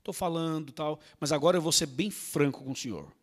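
A man's voice: sits high, lively intonation, fairly quick. Man acting out a whiny, reluctant old prophet. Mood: resigned. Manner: excuse-making, whiny.

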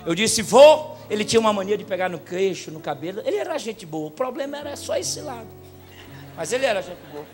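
A man with a Brazilian Portuguese accent preaching a sermon, telling stories in a low voice and then rising to loud shouts. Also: very animated, fairly quick, music in the background. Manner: storytelling, swings from quiet to shouting.

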